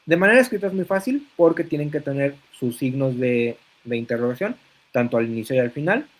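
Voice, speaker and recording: A man teaching an online class, explaining step by step, often checking that students follow and pausing on hesitant fillers. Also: medium pitch, animated, poor audio. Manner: hesitant fillers between phrases.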